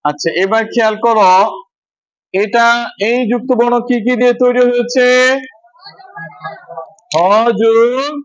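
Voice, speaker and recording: A man's voice: very high-pitched, steady tone, a little slow, long pauses, lo-fi sound. A man teaching a children's lesson, breaking words into parts and repeating each syllable for his pupils to echo. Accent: Bangladeshi Bengali.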